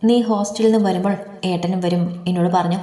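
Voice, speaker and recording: A caring elder brother gently soothes his sister, given voice by the woman narrating. The tone is low and soft, and a long reverb hangs in the room. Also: fairly even intonation, fast, lightly acted. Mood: soothing.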